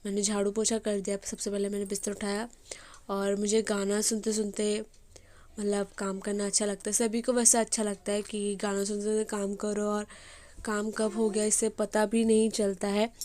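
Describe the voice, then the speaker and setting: A young woman with a hoarse voice, chatting casually as she narrates her day in a home vlog. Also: medium pitch, monotone, normal speed, dark tone. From Bengali family. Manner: chatty, rambling with fillers. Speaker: vlogger.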